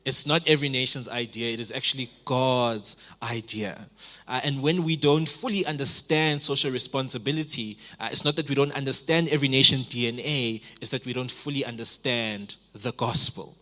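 Bright-voiced young man preaching a sermon. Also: mid-range voice, brisk. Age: 20s. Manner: earnest preaching with repeated phrases and fillers. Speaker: pastor. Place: church.

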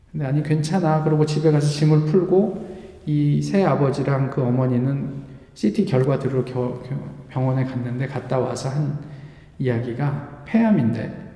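A man's voice: medium pitch, mellow. A man preaching a sermon as pastor, telling a story and acting out the quoted lines of its people. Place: church sanctuary. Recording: echoey church hall.

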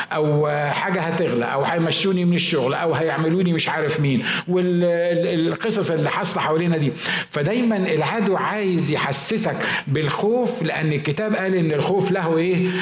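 A man with an Egyptian Arabic accent preaching a sermon as pastor, animated and acting out the voices of fearful people. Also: on the high side. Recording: echoey hall.

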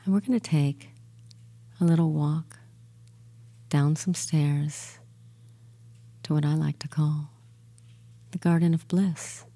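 A guided relaxation hypnotist leads a meditation and hypnosis induction in a low, very mellow voice with fairly even intonation. Her soft, breathy murmur is soothing and at times thins nearly to a whisper, with long, gentle pauses between phrases.

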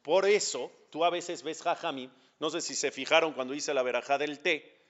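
Man, Mexican accent, rabbi teaching a class, emphatic, quizzes listeners, fairly high voice, dull lo-fi sound. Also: moderate pace, fairly bright tone. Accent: Mexican Spanish. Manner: emphatic, questions his listeners directly.

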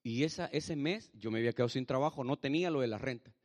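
Gravelly, lively male preacher. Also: medium pitch, fast. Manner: animated, addresses listeners as brother. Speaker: preacher giving testimony. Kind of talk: sermon testimony. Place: church.

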